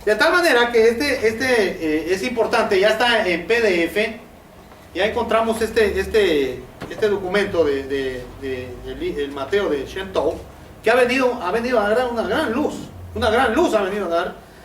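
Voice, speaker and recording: A man teaches a Bible study class in a high voice. He fills his speech with hesitations and keeps asking his listeners questions. He is recorded from a distance in a roomy space with a faint hiss behind him. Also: lively intonation, normal speed, fairly bright tone. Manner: many fillers and repeated rhetorical questions.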